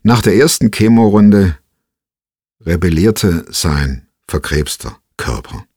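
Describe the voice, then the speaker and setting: A man's voice: low voice, expressive, slow pace, darkish tone, breathy edge, no room sound, clean studio sound. A man giving a scripted devotional reflection, thoughtful and full of rhetorical questions. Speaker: preacher giving a devotional talk.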